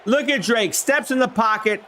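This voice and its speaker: A man calls a video game football simulation play by play on a live stream, his voice hoarse and flu-worn. He talks at normal speed in a very high-pitched voice, chatting with his viewers and shouting when big plays happen.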